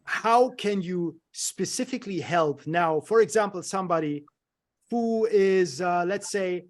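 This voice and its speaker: A man's voice: sits high, unhurried. A man hosting an interview over a video call, hesitant and friendly, with many fillers and non-native phrasing. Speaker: interview host. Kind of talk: conversational interview.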